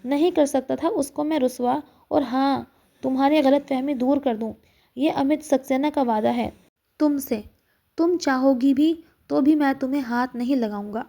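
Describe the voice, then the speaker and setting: A woman's voice: sits high, moderate pace, gravelly, warm tone. A woman voicing an angry, protective young husband in a read-aloud story, speaking in stern, clipped bursts. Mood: bitter.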